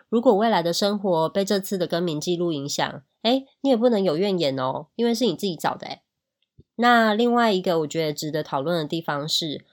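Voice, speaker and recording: A woman from Taiwan with a Taiwanese Mandarin accent, hosting a casual podcast English lesson and chatting with listeners. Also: lowish voice. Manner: chatty, asks listeners questions, demonstrates English words slowly. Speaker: English teacher and podcast host.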